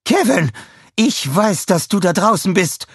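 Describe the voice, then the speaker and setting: Narrator putting on a gloating storybook villainess, high pitched, slow cruel taunts, dry sound. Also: male voice, very animated, husky, no echo, exaggerated voice. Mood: taunting. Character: scheming villainess, theatrical and cruel.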